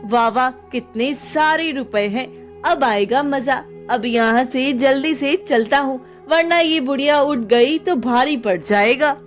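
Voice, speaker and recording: A woman's voice: high-pitched, a little slow, faint music behind. A woman voicing a jealous male sweet-maker who speaks with a sneer. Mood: scheming.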